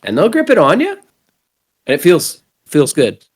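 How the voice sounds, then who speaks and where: A man's voice: on the high side, unhurried, husky. A man in his thirties with a Canadian accent, hosting a podcast and telling rambling, profane stories in casual chat. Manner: rambling, swears freely, lively storytelling. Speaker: podcast host.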